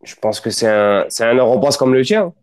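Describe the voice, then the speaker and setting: A man's voice: medium pitch, lively intonation, moderate pace, a little mellow, clear, resonant tone. A man in a heated casual livestream debate, using French suburban street slang and stammering repeats of his words.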